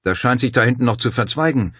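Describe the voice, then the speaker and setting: A man's voice: fairly low pitch, sing-song, fairly quick, slightly rough, no echo, studio quality. A grinning, joking young man, as the narrator voices him. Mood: playful.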